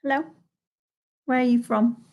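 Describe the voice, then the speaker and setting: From her home in Salford, England, a woman hosts a live quiz, speaking a little high with a darkish tone and fairly even intonation. She talks casually in the gaps, then reads the questions slowly and repeats each for the players.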